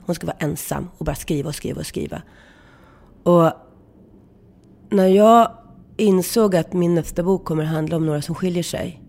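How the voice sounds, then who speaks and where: A woman author in a relaxed interview, spinning a long anecdote. She talks casually, full of fillers, and slips into the voices of the people in her story. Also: low-pitched. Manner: lively storyteller who acts out quoted dialogue, frequent fillers. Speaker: author guest.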